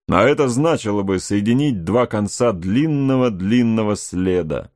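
A man reading aloud voices an aging frontier scout, shrewd and steady, speaking in a deliberate, musing way. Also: lowish voice, no room sound, studio quality, close to an everyday voice.

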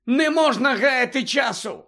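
Brief: a man reading a furious teen boy wizard, voice pushed high and loud. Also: lively intonation, unhurried, exaggerated voice. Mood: snapping. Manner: shouting, urgent. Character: angry teenage boy wizard, shouting.

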